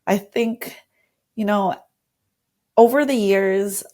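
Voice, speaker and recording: A woman who is a design lead appears as an interview guest, describing her working process conversationally and with enthusiasm. Her mid-range voice has a dark tone, and she takes things slowly.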